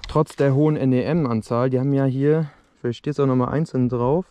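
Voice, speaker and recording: Outdoors on open dirt ground at dusk, a young fireworks video host chats with his viewers, addressing them directly as he reviews fireworks on an action camera. His mid-range voice is dark-toned and fairly even in intonation, a little fast, with a little hiss or hum.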